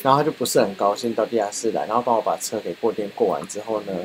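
A man hosting a podcast, telling a rambling anecdote in a casual, animated way. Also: on the low side, rapid-fire, a little hiss or hum, poor audio. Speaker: podcast host. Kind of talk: casual storytelling chat.

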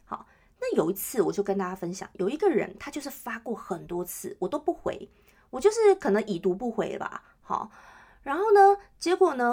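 Woman podcast host, chatty and lively, leans on listeners for agreement. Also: medium pitch, vocal fry, husky. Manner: chatty, keeps checking in with listeners. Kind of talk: casual solo chat.

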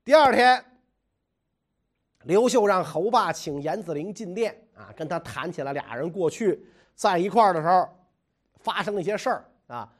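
A man's voice: high voice, expressive, normal speed. A man telling history stories in a chatty, jokey, colloquial way. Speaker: storyteller. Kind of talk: casual history storytelling.

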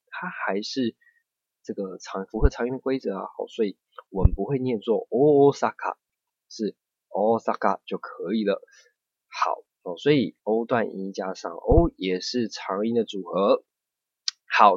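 A man's voice: lowish voice, husky, no echo. Man, patient language teacher, dry close sound, slightly muffled lo-fi recording. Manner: patient, explains step by step with frequent checks. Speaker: Japanese teacher. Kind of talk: online language lesson.

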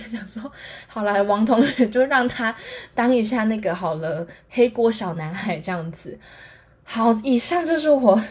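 A woman's voice: mid-range voice, husky. A nineteen-year-old woman with a Taiwanese Mandarin accent hosts a solo podcast, telling a chatty story full of fillers and acting out other people's lines. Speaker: podcast host.

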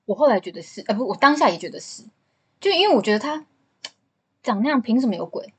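Husky-voiced woman telling a story. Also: on the high side, very animated, quick pace. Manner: storytelling, chatty and candid. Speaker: podcast co-host. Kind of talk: casual chat.

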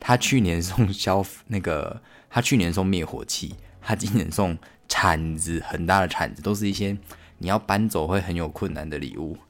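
A young man, casually telling family holiday stories on his podcast, rambling and correcting himself. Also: moderate pace. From Taiwan. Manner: rambling, self-correcting, acts out family voices in high squeals. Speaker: podcast host. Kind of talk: casual solo podcast storytelling.

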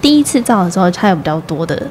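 A woman speaks in a fairly low register. She chats casually and tells her story with animation, putting on the doctor's slow replies. A faint hiss sits behind her voice. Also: very animated, a little mellow. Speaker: guest, mother of a premature baby. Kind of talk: casual conversation.

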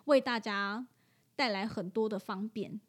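A woman's voice: medium pitch, a little slow. A woman who works at an animal hospital, telling a story in a casual chat and laughing often.

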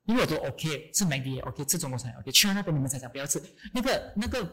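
A woman, co-hosting a podcast and telling a story in a rapid, venting way, often asking "you know?". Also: sits low, expressive, fairly bright tone, husky. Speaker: podcast co-host. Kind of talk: casual chat.

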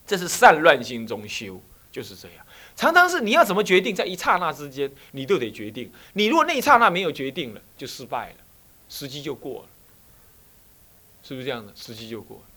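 Fairly quick and fairly high-pitched, a Buddhist abbot speaking with a Taiwanese Mandarin accent tells stories in a dharma talk. He delivers them with animation and scatters rhetorical questions throughout.

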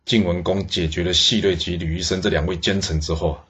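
A man telling a historical tale in a lively way, exclaiming and speaking asides to the listeners. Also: low-pitched, a little fast. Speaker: storyteller. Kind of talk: historical storytelling. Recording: dull lo-fi recording.

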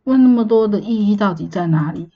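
A woman's voice: medium pitch, expressive, fairly quick. Exasperated Taiwanese woman venting. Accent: Taiwanese Mandarin. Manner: exasperated, ranting, rhetorical questions. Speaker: podcast host. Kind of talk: casual solo venting monologue. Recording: slightly muffled with faint hiss.

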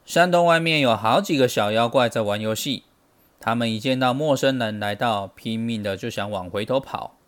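Casting: a father in his thirties telling a bedtime story, lively and expressive, at a mid pitch. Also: moderate pace. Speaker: storyteller, parent. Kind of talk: reading a children's story aloud.

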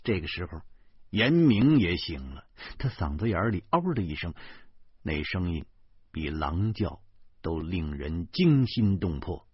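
Beijing guy reading a novel aloud, slow and husky, lo-fi muffled audio. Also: sits low, no echo. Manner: expressive, wry first-person narration. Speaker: audiobook narrator. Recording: dull lo-fi recording.

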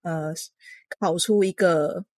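A woman with a Taiwanese Mandarin accent co-hosting a podcast, explaining things in relaxed casual chat. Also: fairly low pitch, takes it slowly, no room sound, studio quality. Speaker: podcast co-host.

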